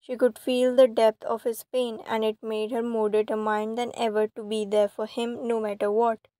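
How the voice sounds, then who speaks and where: A woman narrating a romantic fan fiction story in a steady, even reading voice. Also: on the high side, moderate pace, dry recording.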